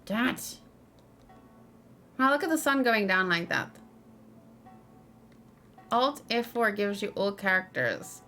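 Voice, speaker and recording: Over game music and the sound of typing, a woman streamer plays a video game and chats casually with her viewers, thinking out loud. She speaks in a mid-range voice with lively intonation and a sharp tone, taking it slowly with long pauses.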